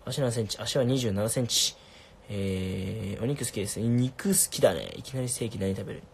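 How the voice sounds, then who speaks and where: A young man casually answering viewer questions on a livestream, laid-back and soft-spoken. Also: on the low side, normal speed, gravelly, slight background noise.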